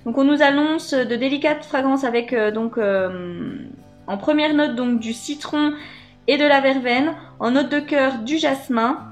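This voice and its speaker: A woman's voice: high voice, a little slow, soft background music. A woman chatting casually to her viewers while unboxing beauty products, with many hesitations and fillers. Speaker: beauty box unboxing vlogger. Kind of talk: casual unboxing chat to camera.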